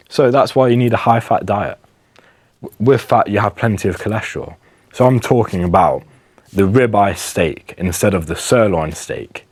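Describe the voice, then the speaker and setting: A young man delivers a casual advice monologue, emphatic and earnest, sometimes tripping over his words. His voice sits deep and low. The sound is close and dry, with no room around it. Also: a little mellow, husky, dry recording. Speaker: wellness vlogger.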